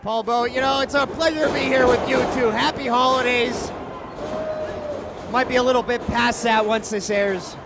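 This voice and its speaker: A man's voice: very high voice, fairly even intonation, normal speed. A man giving live wrestling commentary as a commentator, with conversational banter around the action. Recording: very noisy event-hall recording.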